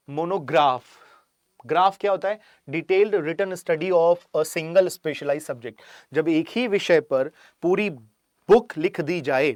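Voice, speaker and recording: Male vocab teacher, slightly high voice, dry mic, slow English examples. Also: no echo. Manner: explains in Hindi, reads English examples slowly. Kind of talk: online exam-prep vocabulary lesson.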